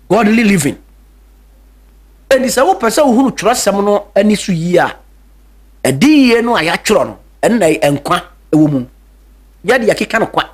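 A Ghanaian man preaching a radio sermon in Twi and English, emphatic, repeating key words, with hesitant fillers. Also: sits high.

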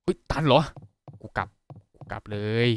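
A man giving casual, profane commentary on a horror game, yelping when startled and dropping to a hush while sneaking. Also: moderate pace, dry recording. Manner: excitable, swears a lot, yelps when startled; drops to a hushed voice while sneaking. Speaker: gaming YouTuber.

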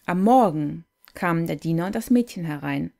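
Calm woman reading a fairy tale. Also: lowish voice, vocal fry. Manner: gentle, unhurried, contemplative.

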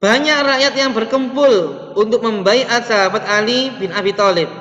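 A man's voice: extremely high pitch, moderate pace, a bit bright. A young man teaching an online class, reading slides aloud and explaining them, with frequent restarts. He records through a webcam. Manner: reads slides aloud and adds explanation, with restarts and stretched words. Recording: roomy, reverberant, dull lo-fi webcam audio.

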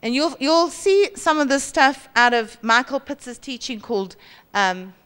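A woman's voice: a little slow, clean tone. A woman in her forties with a South African accent, preaching a sermon on a church stage into a handheld mic and mimicking boastful people. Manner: lively, acts out boastful voices with high pitch jumps. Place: large church hall stage.

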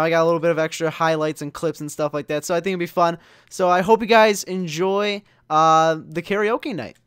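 A man's voice: on the high side, fairly bright tone, smooth, dry recording, clean studio sound. A man hosting a gaming video, chatting casually in a rambling way with lots of fillers and nervous laughs. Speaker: gaming channel host. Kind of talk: casual gameplay commentary.

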